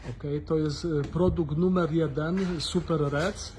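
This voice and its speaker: A man with a Polish accent presenting a tour as visiting host and translator, effusive, halting and repeating himself for emphasis. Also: on the high side, steady tone, a little mellow. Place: indoors, office and warehouse. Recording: background noise in warehouse.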